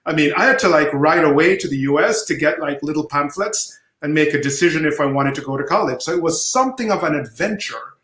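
A middle-aged man from Jamaica, a professor, answering interview questions over a video call with measured storytelling. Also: on the high side, a bit bright. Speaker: guest professor. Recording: roomy video-call audio.

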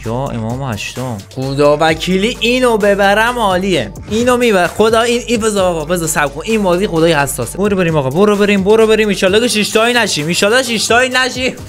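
A high-voiced man gets worked up as he calls his own online football match, swinging between sportscaster play-by-play and mocking taunts at the other player. Soft music plays faintly underneath. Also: hardly any pauses. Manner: excitable, trash-talks the opponent. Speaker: gaming channel host.

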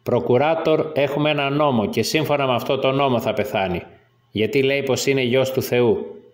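A man voicing an insistent, scheming high priest. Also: roomy sound, lightly acted.

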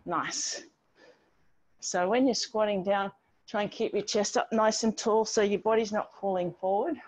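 A woman's voice: mid-range voice, fairly even intonation, measured pace. A middle-aged woman leading an online exercise class, giving encouraging step-by-step cues as she moves along with the group. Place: outdoor home patio with garden wall. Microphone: distant device microphone on a video call. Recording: dull, band-limited video call audio.

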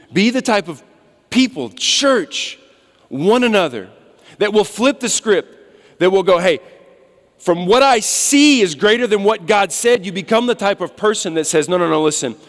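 A man in his thirties preaching as a guest speaker, shifting between quiet reflective asides and loud urgent appeals, on a church stage. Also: high-pitched. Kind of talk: sermon. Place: large church sanctuary stage. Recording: long hall reverb.

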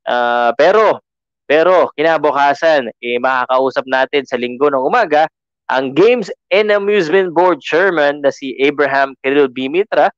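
A podcast host from the Philippines speaks with a Filipino accent in a slightly high, clear, resonant voice at normal speed. He's chatty and code-switches, with frequent fillers and restarts. The recording is dry and the highs are cut off.

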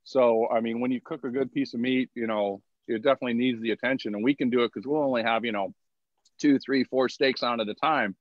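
A man's voice: mid-range voice, fairly even intonation, brisk, no echo, lo-fi sound. A man speaking as a guest in a casual chat, easygoing and hedging as he talks. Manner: easygoing, hedging with "you know" and "I mean". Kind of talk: casual conversation.

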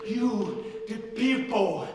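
A middle-aged man giving an earnest, dramatic theatrical monologue with deliberate pauses. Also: high voice. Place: on a theatre stage. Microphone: distant camera microphone. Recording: echoey hall from far off, faint noise.

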